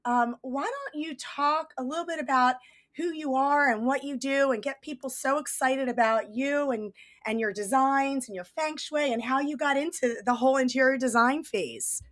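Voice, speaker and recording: Woman podcast host, hoarse from a cold, raspy, high-ish voice, bright and forceful, enthusiastic. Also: normal speed. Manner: upbeat, enthusiastic, gushing. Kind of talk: energetic podcast hosting.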